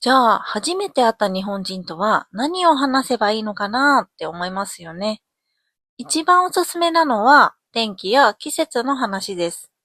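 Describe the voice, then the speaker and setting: A young woman from Japan teaches on her podcast. She explains gently and clearly, and gives plenty of examples. Her voice sits a little high and sounds dry and close, with no room echo. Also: sing-song, unhurried. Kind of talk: scripted podcast lesson.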